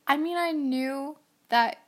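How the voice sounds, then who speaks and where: A young woman hosting a casual podcast, chatty and playful, quick to react. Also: sits high. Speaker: podcast host. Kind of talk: casual chat.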